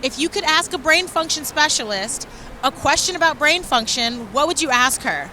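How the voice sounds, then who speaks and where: A woman's voice: high-pitched, animated, moderate pace, sharp tone. A woman presenting upbeat street interviews, talking through a face mask outdoors on a city street. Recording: street noise and passing traffic.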